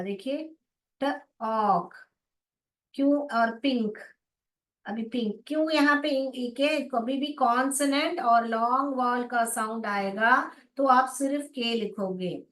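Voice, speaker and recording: A woman teaching an online phonics class, repeating sounds slowly and coaxing her students. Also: sits high, a bit bright, far from the mic. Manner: slow, repetitive, coaxing, calls students beta. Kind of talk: live class explanation to students. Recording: echoey room, voice off-mic.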